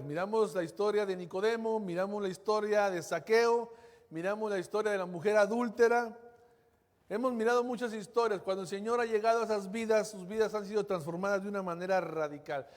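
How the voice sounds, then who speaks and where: A male pastor delivers a fervent sermon in a high, bright voice. His delivery swells to bold peaks and then sinks to near-whispers. The long reverb of a large hall trails behind every phrase.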